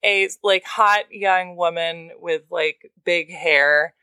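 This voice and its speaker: A woman podcast guest with vocal fry, chatting casually and wryly with plenty of "like" as filler. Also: on the low side, takes it slowly, sharp tone, dry recording. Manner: wry, filler-heavy with frequent "like". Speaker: podcast guest, writer and media critic. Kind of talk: casual, humorous conversation.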